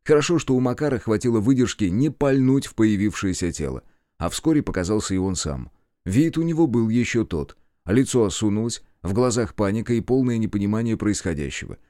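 A man reads a first-person audiobook in a calm, measured way. His voice sits fairly low. The sound is close and dry. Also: no echo. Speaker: audiobook narrator.

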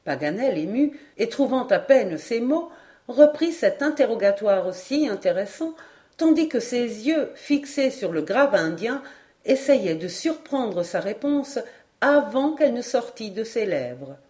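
Measured woman reading a classic novel. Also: a little high, very animated, mellow. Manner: clear, measured storytelling. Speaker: audiobook reader. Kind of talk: scripted narration of a classic novel.

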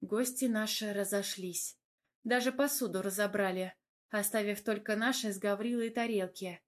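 A woman narrating a first-person romance novel in a smooth, even storytelling voice. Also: mid-range voice, normal speed. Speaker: audiobook narrator.

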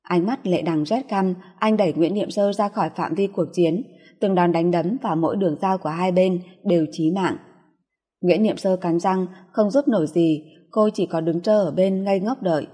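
A woman reads a story aloud in a steady, even manner. Her voice is low, mellow and breathy. A long reverb lingers behind each sentence. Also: normal speed. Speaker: audiobook narrator. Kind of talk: scripted narration.

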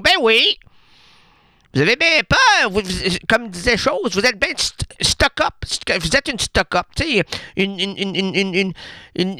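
A Québécois man hosting a radio show, rambling through absurd puns and stammered restarts. His voice is bright and crisp, with sudden shouts and hushed asides. The studio sound is dry and close. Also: high voice, no echo. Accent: Québécois French. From Quebec. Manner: stammering, pun-laden, jumps between hushed asides and shouts. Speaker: radio host.

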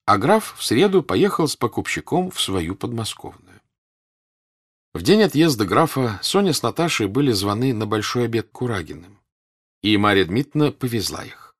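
A man giving a measured audiobook reading of a classic novel. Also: mid-range voice, sing-song. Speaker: narrator.

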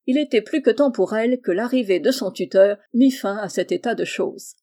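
A woman reading a children's novel aloud in a calm, measured storytelling way. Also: medium pitch. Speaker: audiobook reader. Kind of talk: storybook narration.

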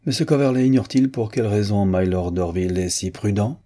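A man voicing a sharp-tongued society lady in an audiobook reading, dry and sardonic. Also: on the low side, fairly quick, close to an everyday voice.

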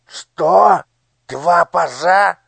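A man voicing a cruel male minister with a squeaky, shrill voice in an audiobook. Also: drawn-out words, vocal fry, breathy edge, no room sound, full character voice. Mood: furious. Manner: menacing, shouting threats. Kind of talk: audiobook character voice.

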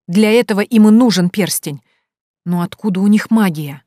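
A woman reading a first-person fantasy audiobook in an expressive, tense way. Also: medium pitch, normal speed, no room sound, clean studio sound. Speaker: audiobook narrator.

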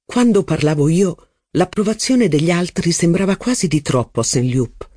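Male audiobook narrator, measured literary reading, fairly high voice, dry booth sound. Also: no room sound. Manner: measured, even reading of long sentences.

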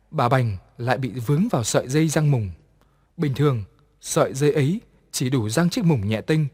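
A man narrating a ghost story in an even, measured way. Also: medium pitch, slightly rough. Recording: long reverb.

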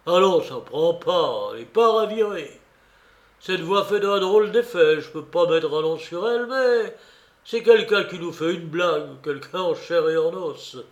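A man voicing an old pirate chief, loud and blustering as he forces his courage, in a dramatic novel reading. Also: sits high, expressive, measured pace, voice pushed up. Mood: uneasy bluster. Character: old one-legged pirate chief, scheming, defiant.

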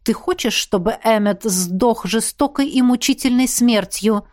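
Audiobook: blunt, commanding young woman, read by a female narrator, brisk delivery. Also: a little high, darkish tone, natural voice. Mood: bossy. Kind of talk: audiobook reading.

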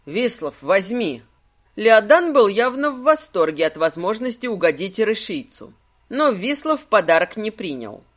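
A man narrating a fantasy audiobook in an expressive, animated reading style. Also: high-pitched, moderate pace. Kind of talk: scripted narration.

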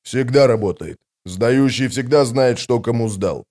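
A man narrating an audiobook, voicing a gruff, grumbling male sapper. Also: medium pitch, unhurried, mellow, close to an everyday voice. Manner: grumbling, blunt.

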